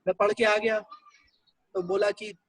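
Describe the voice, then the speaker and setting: A man's voice: high-pitched, flat delivery, a little slow, no room sound, poor audio. A male teacher giving a classroom lecture, talking conversationally and explaining things step by step.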